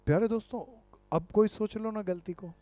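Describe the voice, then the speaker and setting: A commerce teacher, male, lectures his classroom in a high, warm voice, talking a little fast with no echo. He keeps quizzing students and calling them dear friends and brother, all on a dull lo-fi recording.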